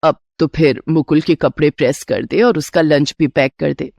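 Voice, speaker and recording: A woman voicing a resourceful middle-aged mother-in-law in an animated storybook, speaking in a calm, motherly, matter-of-fact way. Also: deep voice, normal speed, vocal fry, dry recording, clean studio sound, pitched below the performer's own voice. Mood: reassuring. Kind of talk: storybook character voice.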